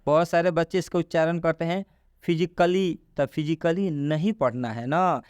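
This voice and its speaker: A man's voice: a little high, clean tone, no echo. A man teaching a lesson, explaining step by step, repeating points and asking the listener questions. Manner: slow, repetitive, asks the listener questions.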